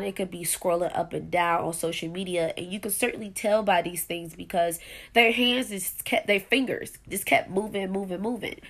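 A woman's voice: lowish voice, fairly bright tone. A woman in her thirties, a podcast host from Buffalo, New York, talking casually and rambling on her own show, nasal and congested from allergies. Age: 30s. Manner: chatty, rambling, laughs often. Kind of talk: casual solo podcast monologue.

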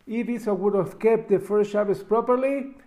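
A man giving a Talmud lesson as a religious teacher, reading and explaining in a halting, emphatic way with repeated words. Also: sits high, darkish tone. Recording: dull, lo-fi recording.

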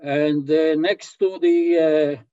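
A man in his eighties from Israel with an Israeli accent, answering interview questions slowly with many hesitations over a remote call. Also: fairly high pitch, steady tone, dark tone. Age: 80s. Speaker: guest. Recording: dull lo-fi call audio.

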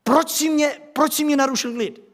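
Man doing a whiny indignant complainer, high strained voice, loud, repeats his protests. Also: big-room sound. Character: whiny aggrieved man, annoyed at being disturbed.

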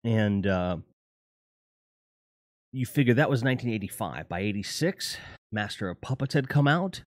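A man's voice: lowish voice, animated, moderate pace, no echo, studio quality. A middle-aged man hosting his own livestream in a casual chat. He talks to viewers in a profane, rambling way and corrects himself often. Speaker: livestream host.

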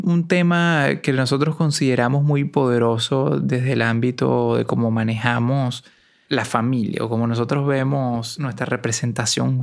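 Man in his 30s, podcast co-host, measured delivery, gravelly fry, English words mixed into his speech. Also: mid-range voice. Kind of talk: casual podcast chat.

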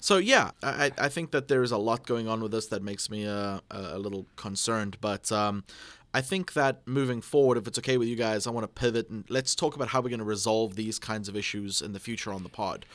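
A man's voice: fairly low pitch, a little fast, fairly bright tone, no echo. A man co-hosting a casual podcast, talking in a rambling way with restarts and laughs. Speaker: podcast co-host.

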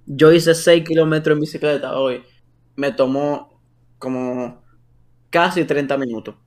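A man's voice: a little high, steady tone, a little slow, darkish tone. A young man with a Dominican accent talking casually with friends, full of slang and tag questions. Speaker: podcast co-host.

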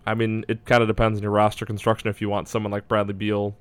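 Low, even-toned man talking basketball. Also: fast talker, clean tone, no room sound. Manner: hedging, thinking aloud. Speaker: basketball draft analyst. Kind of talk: casual sports discussion.

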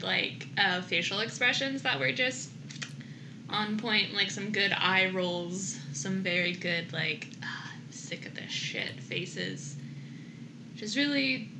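A woman's voice: medium pitch, background noise. A young woman co-hosting a podcast, chatting casually about a movie with lots of filler words. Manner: chatty, many "like" fillers, laughs often. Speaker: podcast co-host.

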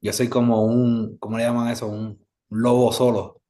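A musician from Puerto Rico, speaking with a Puerto Rican Spanish accent, chats as a guest in a casual interview, rambling easygoingly with lots of fillers. His voice is medium-pitched and mellow, with a level tone and normal speed.

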